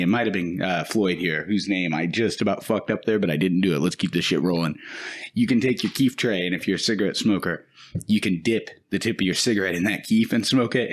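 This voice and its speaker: A man's voice: low-pitched, quick pace. A man co-hosting a podcast, joking casually and swearing a little. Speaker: podcast co-host.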